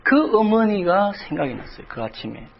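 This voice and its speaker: A man's voice: high voice, very animated, normal speed, creaky, lo-fi sound. A middle-aged male pastor preaching a sermon, telling a personal story with emotion that rises toward crying out in prayer. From South Korea.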